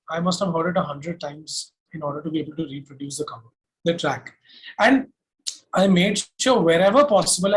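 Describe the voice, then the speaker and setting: A man with an Indian accent answers interview questions in a high voice, sounding emphatic and self-assured as he lays out his points one by one. He is a singer-songwriter and music producer appearing as a guest, and the audio quality is poor.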